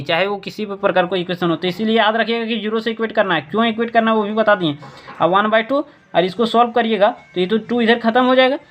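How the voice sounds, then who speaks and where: A man's voice: sits high, a bit bright. A male maths teacher from India explaining a board lesson step by step, asking himself questions and repeating the key points.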